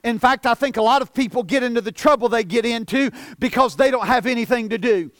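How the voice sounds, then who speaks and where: Delivering a sermon at a quick pace, a forty-year-old pastor speaks in a very high voice, earnest, with frequent repetitions and stumbles, and he goes soft to stress points. There's no echo.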